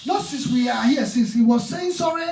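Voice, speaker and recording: A man's voice: extremely high pitch, animated, normal speed, creaky, darkish tone, a little hiss or hum. A man, preaching a sermon with passion, repeating his phrases and acting out conversations. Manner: impassioned, repeats phrases, retells dialogue. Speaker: pastor. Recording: echoey church room, mic far off.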